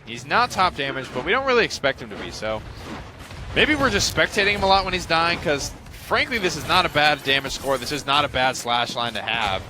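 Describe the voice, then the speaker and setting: Over music, a man with an expressive, higher-pitched voice casts an esports match as play-by-play commentary. He breaks down stats and loadouts in a chatty, analytical style, speaking in quick bursts.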